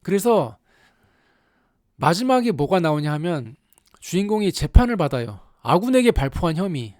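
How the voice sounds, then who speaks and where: Casual solo commentary, animated storytelling, very lively pitch, dry close sound. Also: no echo. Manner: animated, exaggerated storytelling with rhetorical questions. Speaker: YouTube anime commentator.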